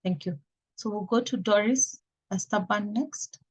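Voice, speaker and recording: A woman's voice: medium pitch, a little slow, breathy edge, low-quality recording. A woman moderating an online meeting, politely calling on participants by name. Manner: polite, calls on speakers by name.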